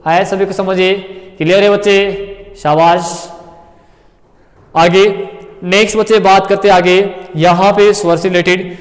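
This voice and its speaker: Unhurried and with long pauses, a man teaching at a coaching class explains grammar to exam students in a fairly high voice and fairly even intonation. He goes over points again, calls the students kids and keeps checking they follow; the recording has a long, lingering reverb.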